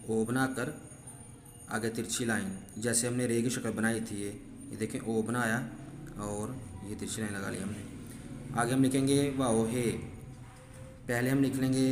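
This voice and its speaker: A man's voice: mid-range voice, flat delivery, a little slow, pauses often. A man teaching students how to write letters, explaining each stroke patiently and step by step. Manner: patient, step-by-step, repeats "ठीक है". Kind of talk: handwriting lesson. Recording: echoey room with faint background noise.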